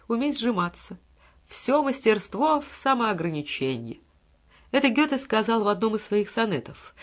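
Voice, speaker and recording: Woman, audiobook narrator, literary essay reading, measured, expressive, middle pitch.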